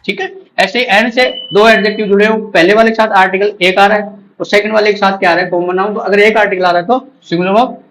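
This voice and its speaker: A man with a high voice teaches English grammar to exam candidates. He explains in Hindi with English terms mixed in. He repeats each rule and checks understanding with short questions. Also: fairly even intonation, a bit bright, slight background noise, poor audio. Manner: repeats key terms, asks the class quick check questions. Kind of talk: exam-prep grammar lecture.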